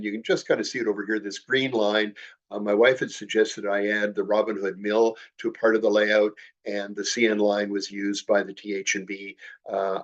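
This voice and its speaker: Congested and slightly nasal from a cold, an older man from Canada talks through model railroad slides in a measured, um-and-uh-filled way. His voice sits on the low side, and the audio is dull.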